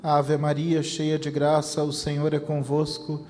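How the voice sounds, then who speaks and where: Mellow Brazilian man chanting prayers. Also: fairly high pitch, measured pace. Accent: Brazilian Portuguese. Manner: steady chanted recitation. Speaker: rosary prayer leader. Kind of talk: recited rosary prayer. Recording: long reverb with faint noise.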